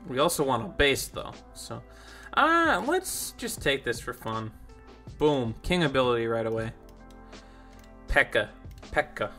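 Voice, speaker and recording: A man's voice: medium pitch, sing-song, measured pace, pushed and bright, soft background music. A young man giving rambling, casual commentary over his own gameplay, easily confused and self-deprecating. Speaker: gaming YouTuber.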